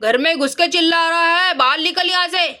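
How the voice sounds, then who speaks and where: A woman voicing a short-tempered old grandfather who scolds gruffly and speaks roughly. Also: very high voice, normal speed, bright, forceful tone. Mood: irritated.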